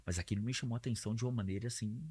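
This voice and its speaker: A man hosting a relaxed interview podcast. His voice is husky, a little breathy and low. He talks in a chatty way and throws in slangy asides. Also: rapid-fire. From Brazil (São Paulo). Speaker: podcast host. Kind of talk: casual conversational interview.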